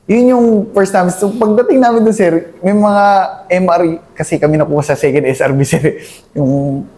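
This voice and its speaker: Being interviewed, a young Filipino army captain recounts his service in a voice that sits high, with a steady, dark tone and moderate pace. He's deferential and hesitant, full of fillers, calling the interviewer "sir" in nearly every line.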